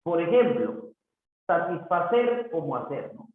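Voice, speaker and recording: Brief: male teacher, animated higher voice, lesson recorded in a very echoey room. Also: measured pace. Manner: explains with examples, frequent checking questions. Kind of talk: grammar lesson. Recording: tinny phone-like audio, very echoey room.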